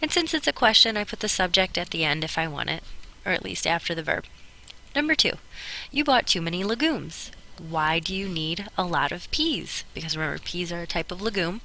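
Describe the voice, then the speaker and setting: Bright-voiced woman teaching Spanish grammar. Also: on the low side, animated, a little hiss or hum, poor audio. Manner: patient, step-by-step explaining, slowing down to sound out Spanish words. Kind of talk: classroom lesson explaining grammar.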